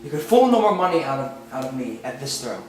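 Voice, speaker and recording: A man's voice: medium pitch, big pitch swings, fast talker, a little hiss or hum, close to an everyday voice. A young man playing a proud, lovesick duke in an amateur Shakespeare performance, reading verse earnestly with some stumbles. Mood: amused. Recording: echoey room, far from mic.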